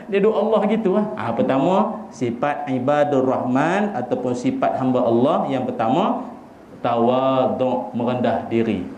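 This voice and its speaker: A man with a Malaysian accent giving a humorous sermon, animated and joking as he acts out little scenes. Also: mid-range voice, a little hiss or hum. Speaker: preacher. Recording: echoey hall with faint ambience.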